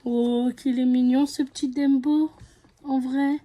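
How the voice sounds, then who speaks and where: A woman's voice: high-pitched, little pitch movement, takes it slowly, warm tone. A woman with a French accent chatting casually as she opens surprise packets, guessing aloud what is inside. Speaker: vlogger. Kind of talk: casual unboxing chat.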